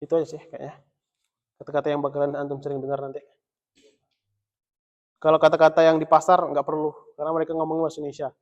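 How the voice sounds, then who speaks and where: A man teaching an Arabic lesson in a mosque in a relaxed, joking classroom manner, chuckling often. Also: a little high, fast talker, long pauses, highs cut off. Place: mosque study room.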